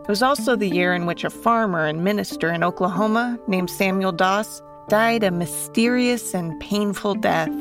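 Woman narrating a true story over music. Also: medium pitch. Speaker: podcast host and narrator.

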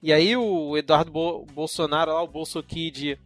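A man's voice: fairly high pitch, steady tone, moderate pace. A man hosting a casual political podcast, joking and laughing often as he runs through the news. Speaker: podcast host.

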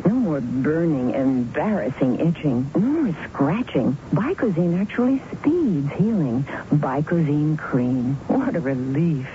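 A woman's voice: low-pitched, lively intonation, a little slow, hardly any pauses, a little hiss or hum. A woman in a radio commercial telling of her relief in a testimonial way. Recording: dull old radio ad.

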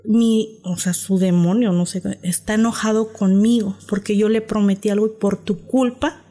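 With a medium-pitched voice and moderate pace, a woman with a Mexican Spanish accent guests on a podcast and recounts a personal story in a casual, animated way. She acts out the quoted voices of the people involved.

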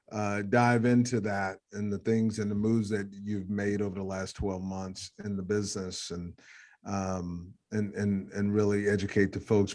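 A man's voice: on the low side, mellow. A man hosting a casual business interview podcast, chatty with many fillers and restarts. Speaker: podcast host.

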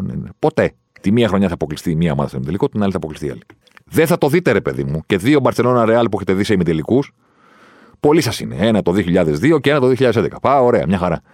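A man hosting a football podcast, in an animated, sarcastic monologue that jumps from loud outbursts to muttered asides. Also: low-pitched, slightly rough, dry recording, clean studio sound. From Greece. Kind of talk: opinionated monologue.

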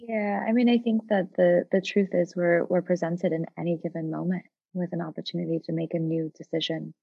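A woman's voice: fairly low pitch, level tone, fairly quick, gravelly, slightly rough, no echo, highs cut off. A woman of forty, a coach and former psychologist, speaking as a podcast guest in a reflective, earnest way with many fillers. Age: 40s. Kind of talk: casual podcast conversation.

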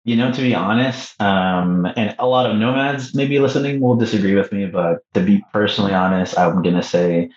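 A man's voice: lowish voice, brisk, hardly any pauses. A Canadian man who is a podcast guest, talking in a hesitant, thoughtful way with many ums. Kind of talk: casual interview chat. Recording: echoey muffled remote audio.

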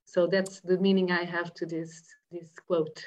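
A woman's voice: lowish voice, level tone, measured pace, darkish tone, muffled recording. Portuguese-accented woman, informal interview guest. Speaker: interview guest, association president. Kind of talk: casual conversational interview answers. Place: home office.

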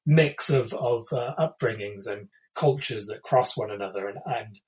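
A British man in his thirties, an illustrator appearing as an interview guest, talks casually in a fairly low voice at a moderate pace. He sounds thoughtful and hesitant, often using fillers and restarting his sentences.

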